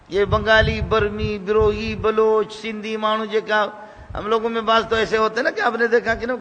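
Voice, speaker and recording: A man preaching with a fairly high voice, carried by a long reverb that sounds like a large hall or mosque. He tells humorous stories and repeats phrases again and again for emphasis. Faint noise hums behind him. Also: fairly bright tone, highs cut off. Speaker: religious preacher. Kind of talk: sermon with humorous storytelling.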